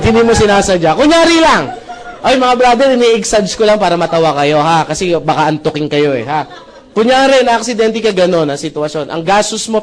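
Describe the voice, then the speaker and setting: Man, high voice, seminar speaker, jokey, checks in with the crowd, mixes in English. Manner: jokey, animated, often asks the audience "right?"; mixes English into Filipino speech. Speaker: seminar speaker presenting a business opportunity. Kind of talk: live sales presentation to an audience.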